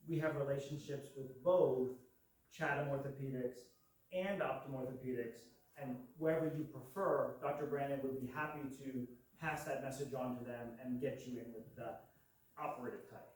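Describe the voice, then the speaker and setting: A man's voice: medium pitch, a little mellow. A man moderating a clinic presentation, explaining services in a friendly, promotional way. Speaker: practice representative and moderator. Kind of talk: informational presentation. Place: large echoey room. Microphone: distant from the mic. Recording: echoey room from far off, faint ambience.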